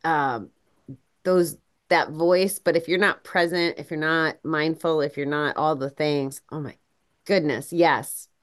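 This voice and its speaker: A woman with a low voice hosts a podcast. She responds to her guest thoughtfully and affirms what the guest says. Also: fairly even intonation, a little slow. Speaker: podcast host. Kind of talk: podcast conversation.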